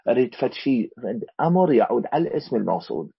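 A man's voice: medium pitch, very animated, rapid-fire, gravelly, husky, no room sound. A man with an Iraqi accent teaching a grammar lesson, quizzing the class and repeating key words, on a dull lo-fi recording. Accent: Iraqi Arabic.

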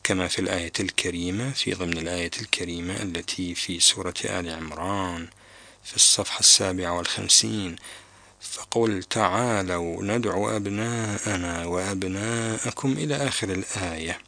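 A man teaching Quran recitation on a call-in broadcast, explaining pronunciation carefully and deliberately. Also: sits low, creaky, pushed and bright, dry recording.

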